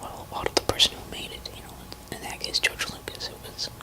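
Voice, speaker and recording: A woman speaks in a barely audible whisper, with almost no voice behind the words. She rambles casually in an ASMR style, hesitating and pausing mid-thought as she goes. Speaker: musician talking to listeners.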